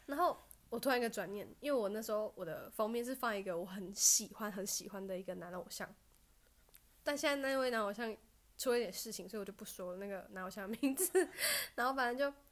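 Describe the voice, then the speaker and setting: A young woman, a podcast guest telling funny stories of her bad luck in a casual, animated chat. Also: mid-range voice, fast. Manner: animated storytelling, bursts of laughter and loud self-cheers.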